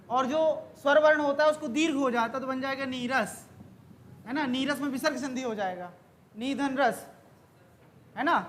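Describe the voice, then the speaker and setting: A woman's voice: sits high, a bit bright, a little hiss or hum. A woman teaching an exam-prep grammar lesson, quizzing the class with questions that she then answers herself.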